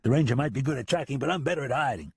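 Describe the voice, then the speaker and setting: Brief: man voicing a cocky outlaw, husky, dry close read. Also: mid-range voice, animated, racing, a little mellow, no echo, voice pushed up, heavily acted. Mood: scheming. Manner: snapping, cocky. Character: scheming, short-tempered outlaw man.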